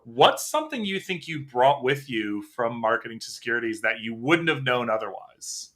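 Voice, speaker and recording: A man hosting a casual podcast chat, telling stories in an animated, talkative way. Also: mid-range voice, moderate pace. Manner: chatty, animated storyteller. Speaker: podcast host.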